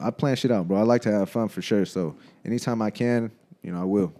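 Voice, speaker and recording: A warm, fairly low-pitched male voice talks fast in casual podcast chat. The co-host, in his thirties, keeps it laid-back and slangy, regularly dropping "bro" and laughing.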